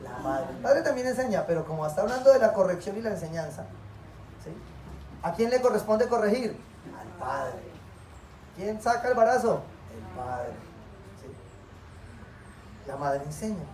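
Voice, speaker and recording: A man's voice: high-pitched, sing-song, normal speed, long pauses, a little mellow, a little hiss or hum. A man preaching a sermon as pastor, asking the congregation questions and answering them himself. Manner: call-and-response questions to the congregation. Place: church hall. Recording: echoey hall, voice from far off.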